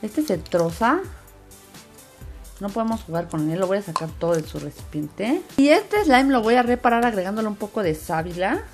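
A woman's voice: medium pitch, sing-song, normal speed. A woman giving a casual step-by-step craft voice-over, repeating words for emphasis. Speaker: host of a slime craft channel. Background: background music.

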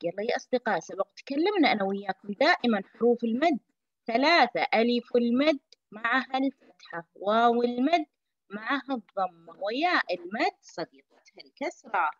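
A woman, a kindergarten teacher giving a lesson to young children. She speaks slowly and clearly and repeats each phrase. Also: fairly high pitch, animated, no echo, highs cut off.

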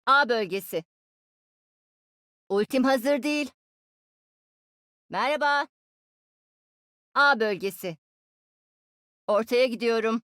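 A woman's voice: a little high, slow pace, long pauses, a bit bright, no echo, clean studio sound. A woman voicing a cheeky, smug young female inventor and genius in dubbed game voice lines, teasing her teammates playfully. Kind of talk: Turkish game dub voice lines.

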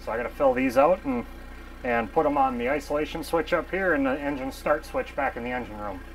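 His voice is on the high side, sing-song and gravelly, a little fast, against a noisy background. A locomotive mechanic in his thirties, he casually and technically explains repairs with frequent ums and uhs on a lapel mic in a machine shop.

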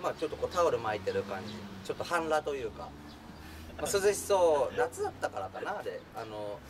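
Animated man telling a story from far off. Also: mid-range voice, brisk. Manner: animated, acts out voices in the story, laughs while telling. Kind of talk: casual anecdote telling. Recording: distant mic with clear background noise.

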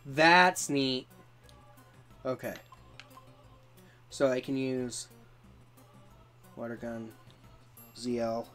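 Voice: medium pitch, very slow, long pauses, fairly bright tone. A gamer chatting casually through a let's play, reading bits of on-screen text and adding amused asides. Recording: faint music behind. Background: video game music.

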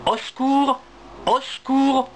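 A man voicing frightened baby squirrels crying for help in a shrill, pleading way. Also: a little slow, bright, forceful tone, slight background noise, full character voice. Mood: panicked.

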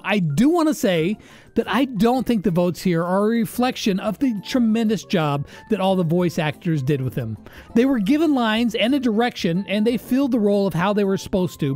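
Here the man's voice sits high and comes across a little mellow while he delivers casual countdown commentary in a conversational style as a video host. He records indoors in a small home studio using a close boom-arm studio microphone, and faint music is audible behind him.

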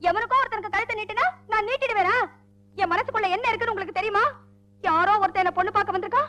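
An actress playing a spirited, headstrong young woman in a Tamil film who talks in a quick, pert and demanding way. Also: very high voice, a loud crowd. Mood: challenging. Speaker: female lead. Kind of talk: 1980s Tamil film acting.

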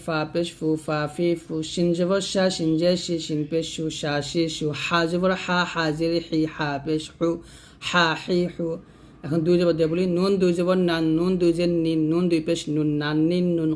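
A man teaching Quran reading, chanting letter and vowel drills in a steady rhythm. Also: on the high side. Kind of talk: spelling-drill lesson.

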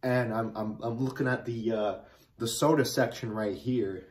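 A man giving a casual soda review to the camera, rambling and excitable, with lots of fillers and restarts. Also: mid-range voice, normal speed.

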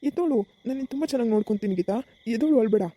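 A woman's voice: on the high side, warm tone, close to an everyday voice. A woman playing a young village husband who scolds his wife, then coaxes her to get up, in a comic village skit. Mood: coaxing. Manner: brisk, scolding, then coaxing.

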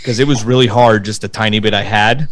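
A man's voice: fairly low pitch, fairly even intonation, fast, a bit bright, rough recording. A man hosting a casual podcast, chatting over a video call, rambling and laughing often as he tells a story. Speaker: podcast host. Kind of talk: casual chat. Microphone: video call microphone.

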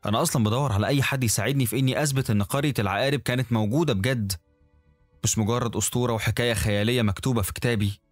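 A man with an Egyptian Arabic accent narrating a first-person horror story in a brisk, conversational way. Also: medium pitch, fairly even intonation, no echo. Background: faint music.

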